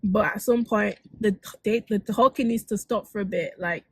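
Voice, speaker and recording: A woman's voice: mid-range voice, normal speed, slightly rough. A woman co-hosting a casual chat, speaking frankly, full of "like" and "mm-hmm", sometimes reading out listener questions. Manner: frank, frequent "like" and "mm-hmm" backchannels. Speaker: co-host.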